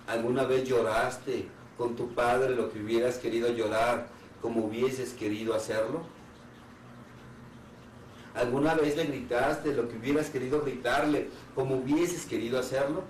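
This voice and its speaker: An earnest man gives a talk as a therapist, building his points through repeated rhetorical questions and measured pauses. His voice sits at an ordinary middle pitch. It carries from some distance through a roomy, echoing space with a faint hiss beneath it. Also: fairly even intonation. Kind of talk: public talk on anxiety. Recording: roomy hall sound from a distant mic.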